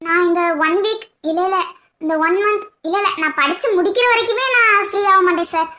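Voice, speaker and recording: A woman's voice: very high-pitched, fairly quick, pushed and bright. A woman voicing a bold young college student from a village in a cartoon, speaking bluntly and with self-assurance.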